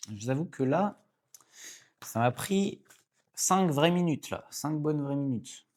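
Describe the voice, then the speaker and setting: An excitable man giving casual pack-opening commentary to his viewers. He is chatty and talks to the audience as "guys", often jumping into high, excited exclamations and jokey asides. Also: measured pace. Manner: excitable, chatty, keeps addressing viewers as "les gars". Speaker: card-opening YouTuber.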